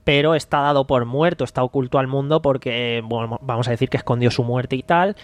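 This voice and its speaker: A man's voice: mid-range voice, fairly quick, no room sound. Chatty man, close dry mic. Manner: rambling, recounts scenes by acting out quotes. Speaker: podcast host. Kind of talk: casual podcast commentary.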